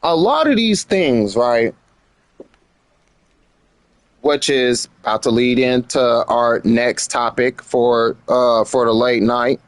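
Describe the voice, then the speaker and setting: The speaker is an American live streamer making casual commentary chat at a slow pace. His voice is medium-pitched, the recording dry, and he talks in slang, repeating phrases for emphasis.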